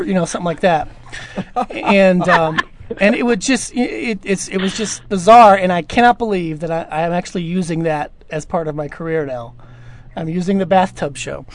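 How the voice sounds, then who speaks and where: A man answering listener questions in a casual chat, rambling through long stories with lots of fillers and restarts. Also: high-pitched. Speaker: audio drama producer. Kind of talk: casual podcast Q&A.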